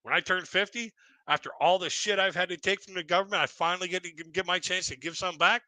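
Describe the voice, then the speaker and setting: A man in his fifties tells a rambling stand-up bit on a live stream, with many fillers and chuckles at his own jokes. His voice is very bright and a little high for a man. The sound is dry and close, with no room echo. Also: fairly even intonation, fast talker. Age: 50s. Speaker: stand-up comedian.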